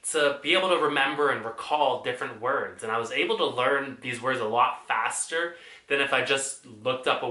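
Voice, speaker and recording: A man's voice: mid-range voice, pushed and bright, roomy sound. A man talking casually in a vlog, chatty and playful, with exaggerated outbursts. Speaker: vlogger.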